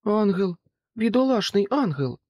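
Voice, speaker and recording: A man's voice: very animated, a little slow, a little mellow, dry recording, exaggerated voice. A man voicing a frightened young boy who cries out in distress. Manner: high, strained cries.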